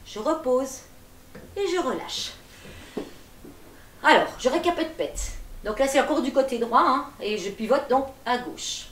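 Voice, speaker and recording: A middle-aged woman with a high voice gives calm, encouraging, folksy cues for a gentle seated workout. She sits well back from the camera, and her voice rings through an echoey room. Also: distant mic. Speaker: gentle gym instructor. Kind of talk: guiding a seated exercise class. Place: attic room at home, indoors. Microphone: far camera.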